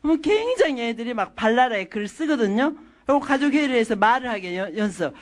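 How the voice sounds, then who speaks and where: A middle-aged woman giving a lecture full of personal anecdotes, telling them in an animated way and acting out what people said. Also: a little high, quick pace. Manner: animated storytelling, acting out quotes.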